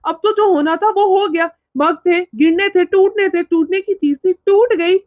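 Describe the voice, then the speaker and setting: A calm young cartoon son-in-law, voiced by a woman, who soothes and reasons in a very high voice. The recording is dull, lo-fi and dry. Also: moderate pace, no echo. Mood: soothing. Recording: dull lo-fi sound.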